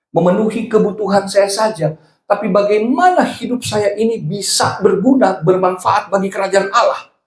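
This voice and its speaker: A male pastor preaching a sermon, telling stories and acting out the dialogue in quotes. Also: high-pitched. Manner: storytelling, acts out dialogue in quotes. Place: church sanctuary. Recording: echoey church hall.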